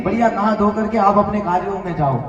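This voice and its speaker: A woman's voice: medium pitch, fairly quick, natural voice. A woman preacher voicing a fretful, argumentative village wife in a devotional story. She talks in an anxious, quarrelsome manner. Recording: echoey hall from far off, dull sound, music behind.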